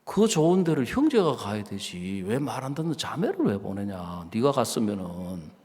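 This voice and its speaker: Man, pastor, lively pitch swings, long church reverb. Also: normal speed. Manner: animated storytelling, acting out both sides of a dialogue. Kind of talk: sermon with acted-out anecdote. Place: church sanctuary.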